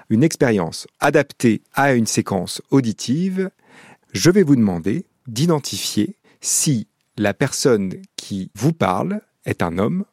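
A man, a psychology professor, giving a calm, measured scripted educational narration. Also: on the low side, no room sound, clean studio sound.

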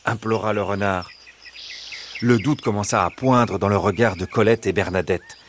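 A man narrating a children's fable with lively, expressive storytelling. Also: lowish voice, moderate pace, a little hiss or hum.

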